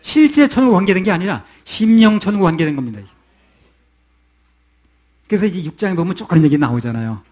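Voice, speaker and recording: Male pastor, middle-aged, rapid conversational sermon delivery with a slightly raised pitch. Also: lively intonation, darkish tone. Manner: conversational preaching, asks the congregation questions.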